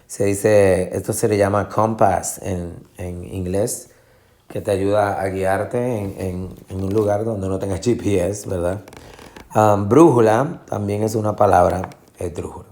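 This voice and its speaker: Guy teaching spanish, lowish voice, patient, keeps repeating words slow to show the stress, drops english fillers. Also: steady tone, dark tone. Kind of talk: classroom lesson.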